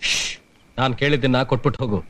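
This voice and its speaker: A man's voice: mid-range voice, a bit bright, slight background noise, lightly acted. A young actor playing a brash village man in a film drama. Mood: menacing. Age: young adult. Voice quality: fast, brash. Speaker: film hero.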